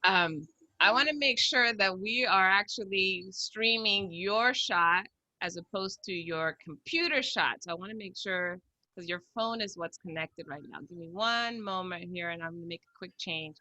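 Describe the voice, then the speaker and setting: Bright, enthusiastic woman hosting an interview. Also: mid-range voice, normal speed, no room sound, dull audio. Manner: effusive, encouraging. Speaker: show host, interviewer. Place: home room with bookshelves. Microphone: computer on a video call.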